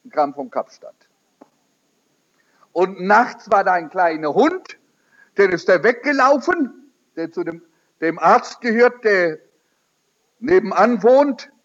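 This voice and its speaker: A man preaches a sermon, relating a testimony as a story with lively intonation, speaking slowly and pausing often. He drops his voice to quote the people involved and builds to rising, emphatic peaks, all on a dull lo-fi recording.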